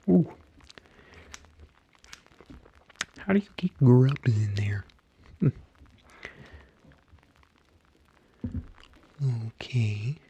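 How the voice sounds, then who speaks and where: A performer voicing an excitable, gentle male puppet frog as a hairdresser in a soft, soothing, halting ASMR roleplay. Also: medium pitch, breathy edge, dull audio. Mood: fussing, delighted. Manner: soothing, fussy, halting murmur with oohs and hmms.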